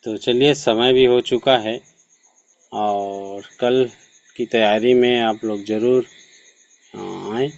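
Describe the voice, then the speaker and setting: A man moderating an online session, making formal announcements in a slow, measured way with frequent hesitations, over a video call. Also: mid-range voice, steady tone, creaky, darkish tone, no room sound, muffled recording.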